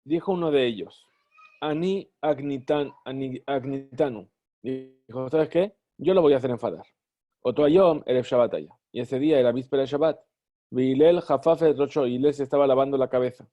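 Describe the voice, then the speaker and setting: A man teaching a class, reading phrases of a text slowly and translating each one. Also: mid-range voice, dark tone. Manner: reads Hebrew phrases slowly, then translates. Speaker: Talmud teacher. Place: study hall. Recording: dull lo-fi recording.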